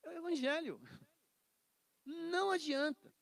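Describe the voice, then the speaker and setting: A man teaching an informal Bible class, animated and joking, acting out quotes. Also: extremely high pitch, a little slow, vocal fry, no room sound. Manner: animated, acts out quotes, jokes and laughs.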